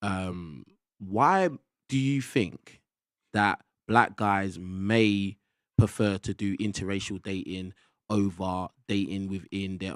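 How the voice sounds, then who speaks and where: A man's voice: sits low, dry recording, studio quality. A young man hosting a casual podcast panel, who keeps tagging his sentences with "yeah?". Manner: chatty, tags sentences with "yeah?". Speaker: podcast host.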